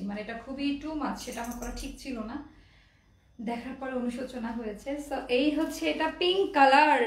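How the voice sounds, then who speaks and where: A high-voiced young woman from Bangladesh runs a chatty dress sale at home, slipping English words into her talk. She sounds a little out of breath. Her voice rings in an echoey room, a bit away from the mic. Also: distant mic. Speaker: online clothing seller. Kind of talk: casual live product showcase.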